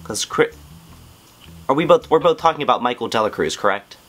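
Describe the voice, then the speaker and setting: A man's voice: mid-range voice, animated, fairly quick, fairly bright tone, faint music behind. A man playing a flustered female store leader on a prank call, hesitant and rambling as he makes excuses. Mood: earnest, explaining.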